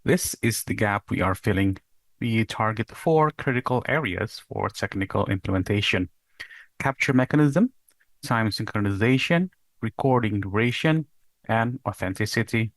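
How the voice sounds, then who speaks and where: A young man from Indonesia presents his doctoral research in a recorded conference talk. His voice sits on the low side, and he explains step by step, sometimes posing rhetorical questions. The recording is dry and close, with no room sound. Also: expressive, moderate pace, no room sound.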